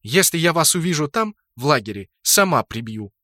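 A male audiobook narrator voicing a brash, bossy woman guild leader with a sharp, scolding manner. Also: low voice, big pitch swings, normal speed, no echo, clean studio sound. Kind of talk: audiobook character voice.

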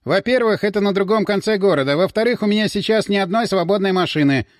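A man's voice: high-pitched, fast, no room sound, studio quality, lightly acted. Man doing a grumbling police chief. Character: weary middle-aged police chief, grumbling. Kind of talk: audiobook character voice.

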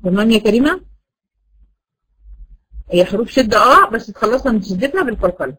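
A woman's voice: a little high, lively intonation, fast talker, a bit bright, rough recording. A woman teaching a class in an Egyptian Arabic accent, often asking rhetorical questions and then answering them herself. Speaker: Quran recitation teacher. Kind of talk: classroom lesson.

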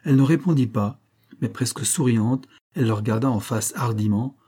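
A man narrating a classic novel as an audiobook, in a measured, expressive reading. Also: medium pitch, breathy edge.

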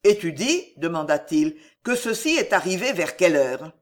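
A reader voicing a gruff, blustering old soldier father in an audiobook. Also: medium pitch, big pitch swings, moderate pace, natural voice. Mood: amused. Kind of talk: audiobook character reading.

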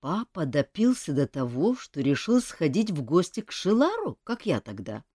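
A woman voicing a calm, knowing grown male leader who talks in a quietly ironic way. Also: low voice, normal speed, dry recording, studio quality, heavily acted.

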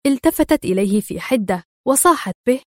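A woman narrating a thriller audiobook in a measured, expressive storytelling voice. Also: fairly high pitch, no room sound, studio quality.

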